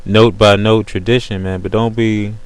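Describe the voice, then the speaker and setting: At a moderate pace and with no room sound, the low, smooth-voiced man runs a relaxed webcam chat as its host, full of slang. He keeps an even, fairly flat delivery and leans on the tag phrase "you know what I'm saying" over and over.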